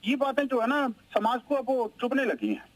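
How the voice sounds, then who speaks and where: A man's voice: very high voice, animated, moderate pace, low-quality recording. A man speaking as a guest on a TV news debate, emphatic and insistent, cutting in on other speakers. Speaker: panel guest. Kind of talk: heated TV debate.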